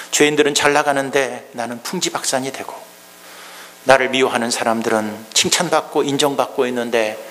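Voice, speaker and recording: A man preaching a Sunday sermon as pastor, repeating key phrases and acting out mocking voices, swinging from loud to hushed. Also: mid-range voice, big-room sound, slight background noise, rough recording. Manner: acts out mocking enemies in quoted speech. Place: church sanctuary.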